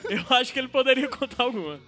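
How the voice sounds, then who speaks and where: A man hosts a casual podcast chat and teases his guests. His voice is very high and bright, and he talks fast. Faint music sits behind him. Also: expressive. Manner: teasing, joking. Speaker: podcast host.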